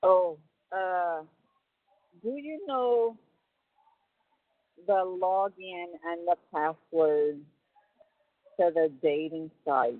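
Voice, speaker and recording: A woman's voice: on the low side, drawn-out words, long pauses, no room sound. A woman chatting casually and colloquially on a phone call, rambling as she goes. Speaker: caller on a prison phone call. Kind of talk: casual personal phone chat. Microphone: telephone. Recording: tinny narrow-band phone line.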